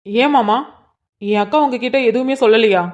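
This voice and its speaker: A woman's voice: a little high, normal speed, close to an everyday voice. A woman voicing a curious, probing young man in a storybook cartoon, often thinking aloud. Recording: dull lo-fi sound.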